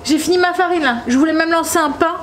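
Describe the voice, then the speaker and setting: A woman's voice: very high voice, fast talker, noisy background. A woman with a northern French accent, chatting casually in a home vlog, rambling with many hesitations. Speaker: vlogger.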